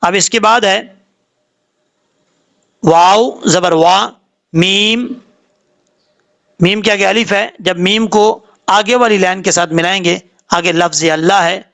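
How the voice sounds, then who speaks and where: Pakistani guy teaching quran reading, spells every letter slow then rattles off the rules, kinda high gravelly voice. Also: fairly even intonation, bright, forceful tone. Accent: Pakistani Urdu. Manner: spells out letters and vowel marks slowly, then explains rules quickly. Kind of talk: word-by-word recitation lesson.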